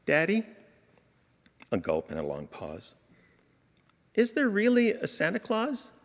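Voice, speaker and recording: A timid little boy of six, voiced by a man telling a story, speaks in a soft, high, wavering tone. The sound carries a long hall reverb. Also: huge pitch swings, slow pace, heavily acted. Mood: hesitant. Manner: hesitant, wavering. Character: timid six-year-old boy asking about Santa.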